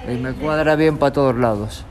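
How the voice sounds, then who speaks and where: A young man from Galicia, a street guitarist, talking in a relaxed, rambling way in an outdoor tunnel. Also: mid-range voice, normal speed, crowd noise. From Galicia, Spain. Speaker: street musician. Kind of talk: street interview. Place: tunnel in a city park, outdoors.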